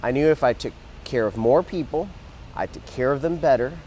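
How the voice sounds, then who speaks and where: A man's voice: mid-range voice, brisk, darkish tone, slight background noise, poor audio. A man in his thirties, born in Mexico and raised in Texas, earnestly telling his story as an interview guest outdoors on a lapel mic. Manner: earnest, talks with his hands, frequent restarts. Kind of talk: casual interview. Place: outdoor garden plaza.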